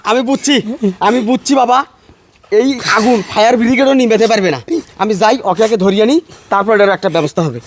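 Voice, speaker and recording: A man's voice: high-pitched, fast talker, a little hiss or hum, lightly acted. A man playing a scolding neighbor peacemaker. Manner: lecturing, admonishing. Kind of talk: melodramatic family drama acting.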